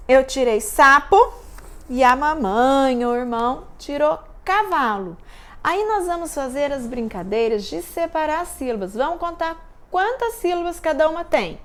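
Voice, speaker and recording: Woman teacher, high voice, slow pace, sing-song delivery for young kids. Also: a bit bright. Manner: slow, sing-song, syllable-by-syllable for small children. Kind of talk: children's lesson recap.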